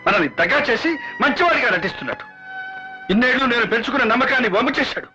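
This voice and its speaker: A stern old judge. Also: male voice, very high voice, expressive, rapid-fire, sharp tone, exaggerated voice. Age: older. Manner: stern, reproachful. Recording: dull film audio with music score.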